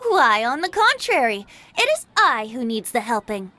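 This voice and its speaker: Whimsical young male bard for a game: lively, bright, mock-grandiose, boyishly playful. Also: fairly high pitch, moderate pace, dry recording. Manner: flowery, mock-grandiose phrasing. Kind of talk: video game voice acting.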